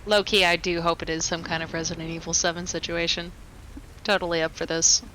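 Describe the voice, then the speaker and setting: A woman's voice: fairly low pitch, flat delivery, fairly quick, pushed and bright, a little hiss or hum, poor audio. A woman playing a tabletop game, chatty and eager, with a laugh now and then. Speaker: player. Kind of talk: casual tabletop play.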